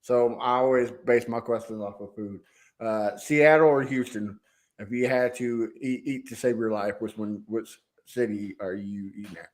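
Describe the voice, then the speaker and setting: A man's voice: on the low side, fairly even intonation, moderate pace. Joking podcast co-host man. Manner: joking, self-mocking. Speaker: co-host asking food questions. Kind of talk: casual podcast chat.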